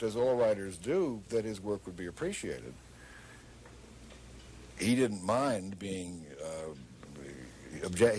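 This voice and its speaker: A man reflecting deliberately in a documentary interview. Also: on the low side, darkish tone, a little hiss or hum.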